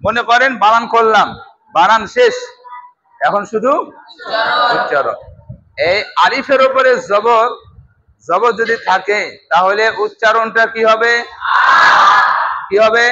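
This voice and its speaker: High, bright-voiced man drilling a class. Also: slow, pauses often, muffled recording. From Bangladesh. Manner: drills a class, often raising his voice. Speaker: Quran teacher. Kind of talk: classroom teaching with call and response. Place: classroom with a group of learners.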